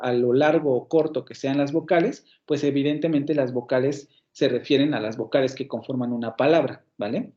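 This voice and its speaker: A man's voice: mid-range voice, a little mellow. A man giving an online university lecture as a professor, explaining at length, repeating his examples aloud and checking in with the class. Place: indoor room with a window. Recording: dull lo-fi online class audio.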